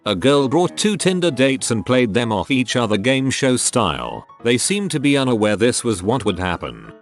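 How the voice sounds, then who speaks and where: Narrator, male, low voice, flat reading of online stories over soft music. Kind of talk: scripted narration. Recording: faint music underneath.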